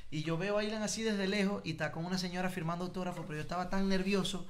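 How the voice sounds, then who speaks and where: Animated man telling stories. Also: high-pitched, racing. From Venezuela. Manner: animated storyteller who acts out voices in quotes. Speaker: guest singer-songwriter. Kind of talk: casual storytelling chat.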